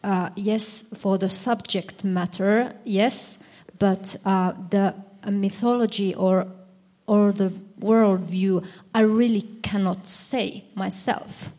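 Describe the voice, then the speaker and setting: A woman's voice: medium pitch, steady tone, slow, mellow. A woman author speaking on a panel, hesitant and searching for words. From Finland. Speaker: author and publisher. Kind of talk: panel discussion.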